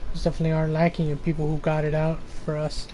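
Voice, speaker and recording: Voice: medium pitch, completely flat delivery, very fast, mellow, slight background noise, rough recording. A game streamer doing a let's play, reading dialogue aloud in a casual way with mumbled asides and small stumbles.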